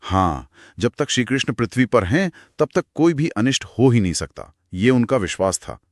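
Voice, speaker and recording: A man co-hosting a conversational retelling of scripture, narrating with expressive, dramatic pauses. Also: medium pitch, dry recording, clean studio sound. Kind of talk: conversational storytelling discussion.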